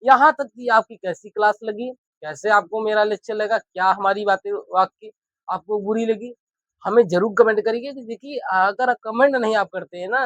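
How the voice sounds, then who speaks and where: A man's voice: sits high, a bit bright, dry recording, highs cut off. Male teacher, emphatic exam-prep lecture, repeats points and checks understanding; dry, close sound. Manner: emphatic, insistent.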